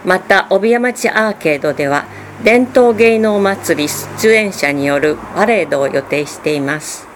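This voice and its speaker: A woman announcer reading public information notices, slowly and carefully spelling out phone numbers and web addresses. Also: on the low side, lively intonation, a little hiss or hum.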